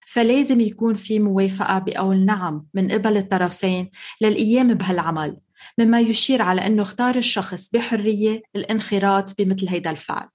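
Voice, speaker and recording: Fast-talking Levantine woman host. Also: mid-range voice, a little mellow. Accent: Levantine Arabic. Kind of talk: scripted introduction and interview questions.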